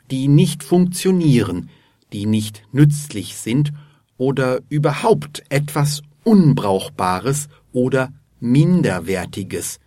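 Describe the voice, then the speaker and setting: A man narrating a scripted language lesson, explaining words in a measured way and spelling some of them out letter by letter. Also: medium pitch, a little mellow, no room sound, clean studio sound. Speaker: language teacher.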